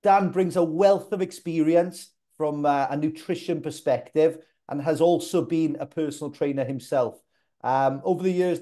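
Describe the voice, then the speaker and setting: Man, higher pitch, mellow tone, webinar host, upbeat intro. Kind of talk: scripted introduction.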